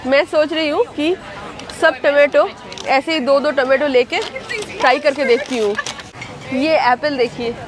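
An Indian vlogger in her thirties, with a high-pitched voice, fairly even intonation and a slightly slow pace full of pauses, chats to viewers while shopping for vegetables at an outdoor farmers market. She handles produce as she talks, filmed on a handheld camera, with market crowd chatter around her.

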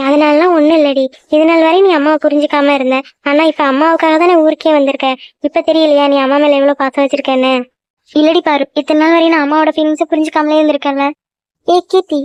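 Very high-pitched quick woman. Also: fairly even intonation, a little mellow, no echo. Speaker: cartoon voice artist. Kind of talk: one voice for every cartoon figure. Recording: dull dry sound.

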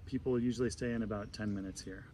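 A man's voice: on the low side, fairly even intonation, fast, dark tone. A man in his forties explains things casually, like a coach, while sitting immersed in ice-cold water outdoors. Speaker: breathwork and ice bath coach. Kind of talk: casual explanatory talk to camera. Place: outdoor garden, in an ice tub. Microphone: camera a couple of metres away. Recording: outdoor noise with birdsong.

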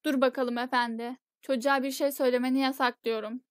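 A blustering uncle barks short orders in a storybook audiobook, as a woman reads him. The voice is high-pitched and dry. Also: little pitch movement, fast talker, smooth, no echo, close to an everyday voice. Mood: commanding. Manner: curt, commanding. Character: blustering middle-aged uncle, bossy and fearful. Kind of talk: audiobook character reading.

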